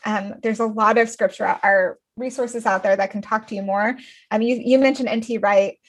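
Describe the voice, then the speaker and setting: A woman's voice: fairly high pitch, steady tone, moderate pace. A woman in her thirties, a guest author in a podcast interview, telling a personal story in an earnest, emotional way with many restarts and fillers. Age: 30s.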